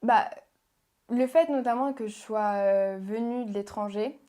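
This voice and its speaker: A young woman from Portugal, a pageant contestant answering interview questions in a soft, hesitant way with many pauses and fillers. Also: fairly high pitch. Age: young adult. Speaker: guest, beauty pageant contestant.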